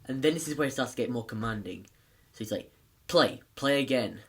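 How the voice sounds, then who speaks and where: A man's voice: medium pitch, expressive, fast talker. Man, film review, casual, rambling, filler-heavy. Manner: rambling, many fillers and restarts.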